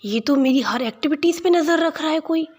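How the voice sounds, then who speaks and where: A woman voicing a nervous small-time male thief who mutters to himself in a hushed, lowered voice. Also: fairly quick, lightly acted. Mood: panicked.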